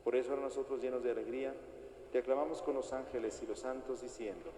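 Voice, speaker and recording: Priest praying in cathedral-like echo. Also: male voice, mid-range voice, steady tone. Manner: solemn, formal, measured recitation. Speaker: priest celebrating Mass. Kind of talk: liturgical prayer at Mass. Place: large reverberant church interior. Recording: echoey church hall, long reverb, noisy.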